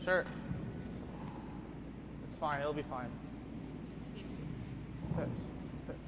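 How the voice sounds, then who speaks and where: A man's voice: fairly high pitch, extremely slow, big-room sound, very noisy. A young man on the ice in a curling game, talking briefly and easily with teammates. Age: young adult. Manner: brief, easygoing. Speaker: curler on the ice. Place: indoor curling rink.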